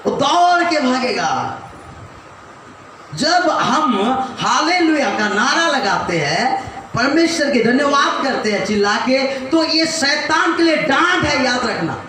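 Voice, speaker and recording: A man's voice: extremely high pitch, expressive, unhurried, far from the mic, a little hiss or hum. A man preaching a sermon as pastor, leading the congregation in call and response. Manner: call-and-response preaching, urging the crowd to shout. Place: church hall. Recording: echoey hall, mic from afar.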